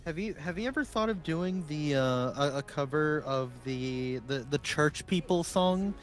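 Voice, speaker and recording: A man chatting while playing a game with friends, excitable and tripping over his words. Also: a little high, unhurried, faint music behind. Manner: excitable, stumbling restarts. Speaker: co-player. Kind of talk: casual gaming chat.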